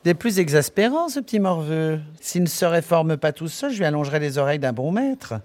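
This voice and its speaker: A man voicing a scornful, haughty young barmaid in an audiobook reading, in a shrill, raised falsetto. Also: sing-song, a little fast, darkish tone, no echo. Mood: exasperated. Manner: shrill and exasperated.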